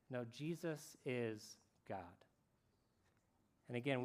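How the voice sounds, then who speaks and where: A man speaking as a camp speaker, telling a story in a casual, slangy way that swings between loud bursts and hushed moments. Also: medium pitch. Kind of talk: youth camp talk.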